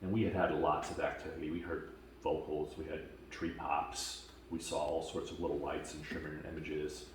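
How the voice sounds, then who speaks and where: Deep-voiced man telling a story, echoey. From Washington state, USA. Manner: halting, many fillers, lively retelling. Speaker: camp attendee giving a testimonial. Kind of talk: casual spoken storytelling. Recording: very echoey, distant mic, faint noise.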